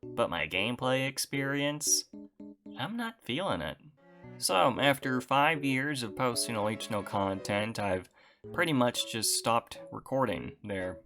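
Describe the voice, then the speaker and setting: A man's voice: mid-range voice, lively intonation, a little slow, over music. A young man giving a casual channel update to his viewers, wry and self-deprecating, with dry understatement.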